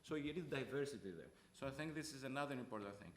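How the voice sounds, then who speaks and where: A man's voice: medium pitch, lively intonation, quick pace, reverberant, slight background noise. A man from Greece speaking as a panelist, earnest and repeating points for emphasis. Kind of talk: panel discussion.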